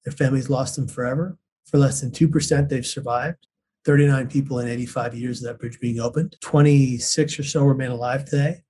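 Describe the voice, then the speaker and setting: Slight background noise accompanies a man giving a brisk, mellow, mid-range account with a steady tone. Appearing as an interview guest, he shares his personal story in an earnest, intense manner, voicing the people he quotes.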